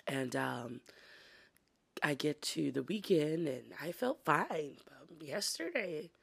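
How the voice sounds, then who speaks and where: A woman hosts a casual personal update while sick. Her voice is a hoarse smoker's rasp, heavily crackling with fry and full of breath. She sounds congested and wheezy. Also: low voice, very animated, measured pace. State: sick, congested and wheezy, coughing and throat-clearing. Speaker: podcast host.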